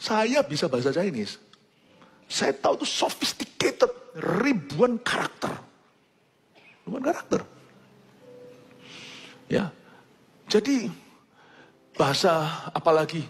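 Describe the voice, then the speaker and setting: An Indonesian man preaching a sermon in an animated manner, mimicking the sounds of foreign languages and moving between loud and hushed delivery. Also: a little high, breathy edge, big-room sound.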